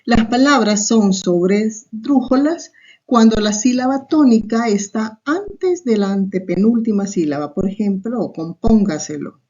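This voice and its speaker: A woman's voice: on the high side, lively intonation, unhurried, dark tone. Woman teacher explaining spelling rules. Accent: Salvadoran Spanish. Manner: explains step by step, often adding a questioning "¿verdad?". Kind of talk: recorded online class lecture. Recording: muffled lo-fi recording.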